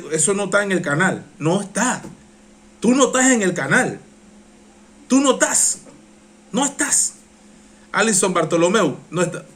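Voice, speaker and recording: A man with a Panamanian accent hosting a live-stream reaction show, talking passionately and getting worked up. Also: sits high. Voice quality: strains his voice. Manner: excitable, passionate, gets worked up. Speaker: live-stream political commentator.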